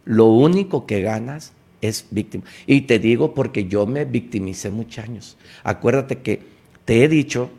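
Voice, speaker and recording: A man's voice: medium pitch, moderate pace, creaky, mellow. A man giving a motivational talk, driving points home with emphatic, repeated exhortations. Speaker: motivational speaker.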